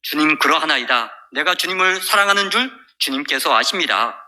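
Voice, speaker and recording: A man's voice: on the high side, animated, fairly quick, sharp tone. A man voicing Peter, an earnest and worried male fisherman disciple, replying in a pleading way.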